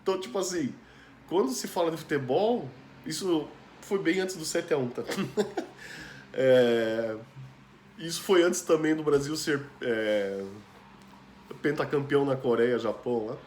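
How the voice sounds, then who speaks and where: A man's voice: a little high, animated, measured pace, darkish tone, a little hiss or hum. Chatty Brazilian man in an echoey room. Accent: Brazilian Portuguese. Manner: chatty, loose, full of asides and "né" tags, laughs often. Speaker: guest telling a personal story. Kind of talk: casual storytelling chat. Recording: roomy echo with faint ambience.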